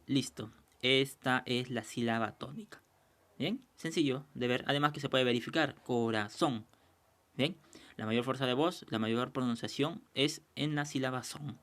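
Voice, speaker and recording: A man teaching a recorded lesson, explaining patiently, checking understanding and slowing down to sound out example words. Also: mid-range voice, fairly bright tone.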